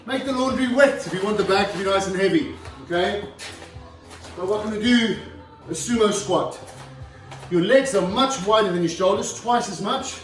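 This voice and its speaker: At a normal speed, a man with a high voice guides viewers through a leg workout at home, showing every exercise as he goes and at times running short of breath. Faint music sits behind him, and the mic is far away in an echoey room.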